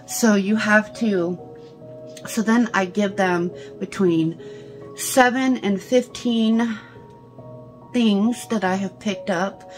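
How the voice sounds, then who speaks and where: Woman, middle-aged, voice through face mask, medium pitch, casual instructional talk, conversational, frequent check-in tags, faint background music. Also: fairly even intonation, takes it slowly, long pauses. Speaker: psychic medium and teacher. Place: small indoor room.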